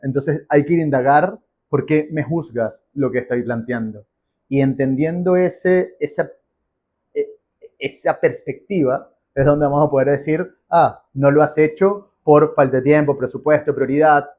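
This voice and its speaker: Speaking at a moderate pace in a slightly high voice, this Venezuelan-accented businessman is a guest on a podcast. His interview answers are conversational and emphatic, with repeated phrases, and the sound is muffled and phone-like.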